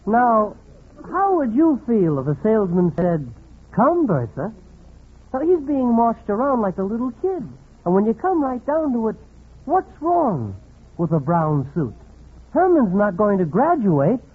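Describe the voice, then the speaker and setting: This actor has a medium-pitched, slightly rough voice and a sing-song delivery at a slightly slow pace. He plays a sardonic commentator in 1940s radio comedy, wryly chiding a domineering wife. The recording is muffled, typical of 1940s radio.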